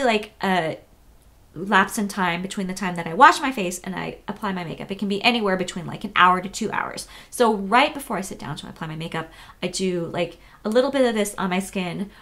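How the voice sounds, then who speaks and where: A woman in her thirties from the United States, chatting casually through a beauty tutorial with lots of fillers and quick self-corrections. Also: mid-range voice, a bit bright. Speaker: beauty vlogger.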